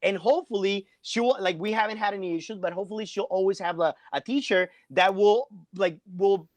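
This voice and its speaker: Man, middle-aged, high-pitched, chatty, lots of "like", dry close sound. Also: a little fast, no room sound. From Colombia. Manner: chatty, peppers speech with "like". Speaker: guest, math teacher. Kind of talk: casual interview chat. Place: home basement.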